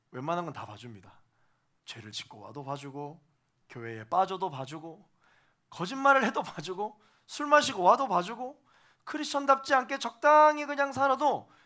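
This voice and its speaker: A male pastor preaching to young adults, emphatic, repeating phrases for stress and swinging between soft and loud. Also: a little high. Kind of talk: sermon to a young adults' congregation.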